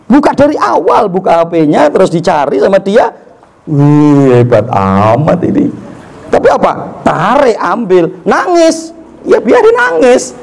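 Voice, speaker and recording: A young adult man preaching a sermon, animated and full of rhetorical questions, acting out little family dialogues. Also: sits high, gravelly, low-quality recording. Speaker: Islamic preacher.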